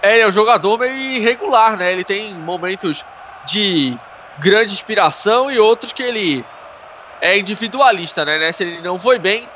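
A man's voice: high-pitched, moderate pace, pushed and bright. A Brazilian man giving live football analysis as a co-commentator, explaining plays and often adding little checking tags. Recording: dull noisy sports broadcast.

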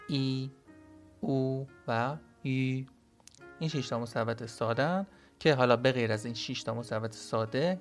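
Man explaining a language lesson. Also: medium pitch. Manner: explanatory, models sounds aloud. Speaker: language teacher. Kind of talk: podcast lesson.

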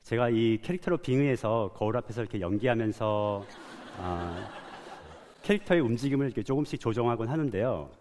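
A man's voice: mid-range voice, animated, fairly quick, a little mellow. A man from South Korea giving a prepared public talk as an animator. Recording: long hall reverb.

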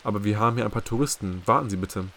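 A man's voice: fairly low pitch, rapid-fire, a bit bright, slight background noise. A man voicing a wary male security chief who speaks formally and carefully.

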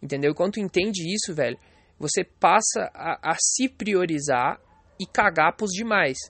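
A man talks in a high, light voice, rambling bluntly and swearing freely as he vlogs. The sound is dry and close, with no room around it. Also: expressive, normal speed, a bit bright, breathy edge, no echo. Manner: blunt, profane, rambling, fillers like "entendeu?". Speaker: vlogger. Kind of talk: casual monologue.

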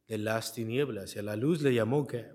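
A man preaching a Bible exposition sermon in a church, reading scripture verse by verse and pausing to ask the congregation to fill in the key word. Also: on the low side, darkish tone. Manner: asks the congregation questions and leaves the answer word for them to fill in; reads scripture aloud and explains it verse by verse. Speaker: pastor.

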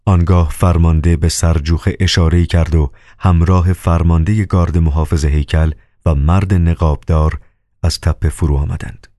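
A man narrating a novel as an audiobook, with a measured, solemn reading. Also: sits low, fairly even intonation, mellow, no room sound, clean studio sound.

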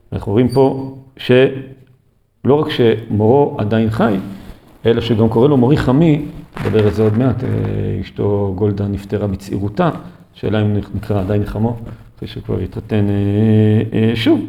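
A man giving a recorded Torah lesson, speaking haltingly with many drawn-out filler sounds. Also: medium pitch, gravelly, dark tone. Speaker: Torah teacher.

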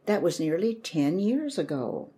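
A woman reading a gentle country doctor father. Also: fairly low pitch. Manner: calm, measured and gentle.

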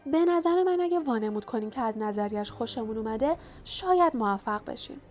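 A woman narrator voicing a clever, cautious young schoolgirl witch who speaks in a hushed, knowing way. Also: on the high side, expressive, soft background music, close to an everyday voice.

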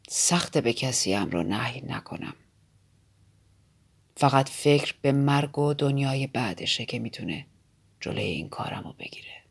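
A woman reading an audiobook voices a brooding aristocratic man in a low, soft, often whispered voice. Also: creaky, full character voice. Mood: calm, musing.

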